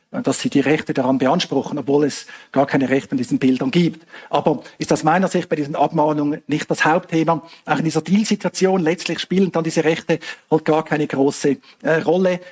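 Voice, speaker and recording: Answering audience questions after a talk, a man from Switzerland explains his points in a higher, slightly mellow, husky voice. His speech is full of fillers and hedging asides.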